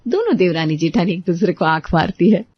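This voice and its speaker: A woman narrating a family story in an expressive scripted way. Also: lowish voice, fairly quick, husky, dry recording, lo-fi sound.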